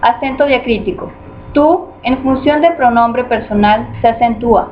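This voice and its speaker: A woman with a fairly high voice reads a grammar lesson aloud at a steady, measured pace. The recording is muffled and lo-fi, with a faint hiss underneath. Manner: steady, measured reading of rules and examples. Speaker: student presenter.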